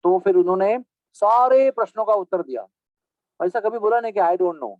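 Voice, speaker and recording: A man giving a devotional storytelling discourse as a spiritual teacher, animated and playful, mixing in English phrases. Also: high voice, normal speed, no room sound. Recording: tinny phone-like dry sound.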